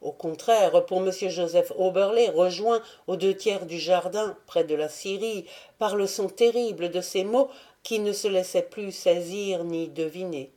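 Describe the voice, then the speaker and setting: A woman reading a novel aloud as an audiobook narrator, measured and dramatic. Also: on the low side, warm tone.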